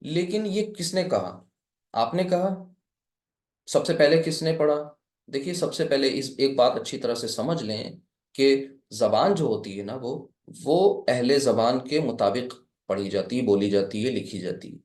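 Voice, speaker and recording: A man's voice: medium pitch, darkish tone, roomy sound. A man from India teaching a live Arabic class, patiently explaining step by step and quizzing his students.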